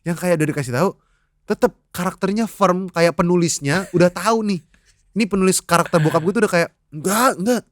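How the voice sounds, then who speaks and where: A young man, chatting as a podcast guest, an animated storyteller who laughs often and mixes in English phrases. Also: sits high, fast, no room sound, clean studio sound. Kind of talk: casual chat.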